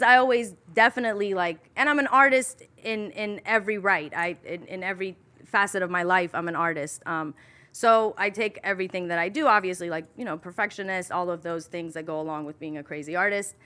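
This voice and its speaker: A brash, lively woman in her thirties from Iran talks as a podcast guest. Her voice is bright and forward, at an average pitch for a woman. She speaks into a studio mic in a podcast room. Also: fairly quick. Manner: brash, animated, swears freely. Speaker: guest, cannabis roller and marketer. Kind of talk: casual podcast interview. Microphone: studio mic with headphones.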